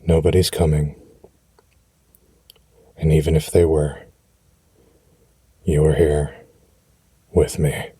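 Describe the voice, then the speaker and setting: A man speaking soothing affirmations for rest in a deep, husky, breathy voice, gently and reassuringly, with unhurried pauses, close to the mic. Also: flat delivery. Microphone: close, dry microphone.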